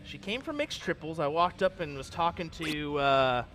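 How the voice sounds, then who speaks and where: A man co-commentating a darts match, telling lively stories and laughing along. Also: a little high, moderate pace. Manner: lively storyteller, laughs a lot. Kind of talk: live sports commentary. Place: tournament hall.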